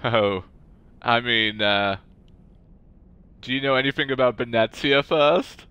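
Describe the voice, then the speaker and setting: Bright, clear-voiced man streaming a game. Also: medium pitch, slow pace, lo-fi sound. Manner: playful, rambling, teasing. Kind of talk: casual live playthrough commentary, answering chat.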